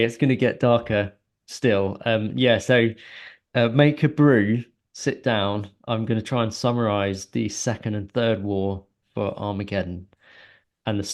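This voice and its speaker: A man's voice: mid-range voice, a little mellow. A man co-hosting a podcast, casually retelling a long story with many ums and restarts. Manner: rambling, many ums and self-corrections. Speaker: podcast co-host.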